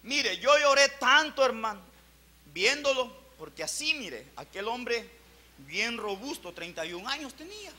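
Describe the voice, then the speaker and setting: A man pastor preaching a sermon fervently, his loudness swelling and dropping. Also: very high voice, very animated, a little slow.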